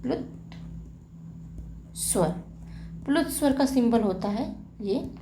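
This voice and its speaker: Slow, mellow-voiced woman teaching grammar. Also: fairly high pitch. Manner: asks questions and answers them herself, repeats terms. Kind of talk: slow classroom explanation. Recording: echoey room with faint hiss.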